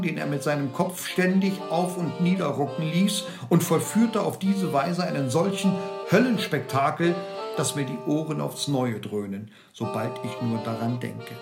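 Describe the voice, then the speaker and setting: A male audiobook narrator with a mid-pitched voice, reading slowly and theatrically. He sinks low for moments of dread. The recording sounds roomy, with guitar music playing behind him. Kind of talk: audiobook storytelling.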